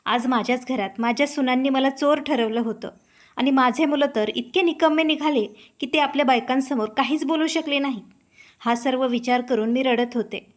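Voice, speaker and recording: A woman voicing a humble, heartbroken elderly mother who speaks softly. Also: high voice, normal speed, lightly acted. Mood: sorrowful. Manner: soft, gentle speech.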